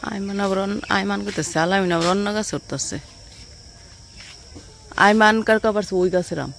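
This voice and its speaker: A woman, narrating a casual family vlog and gently coaxing a small child to write. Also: mid-range voice, moderate pace, creaky, slight background noise. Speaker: village vlogger. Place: village home, outdoors.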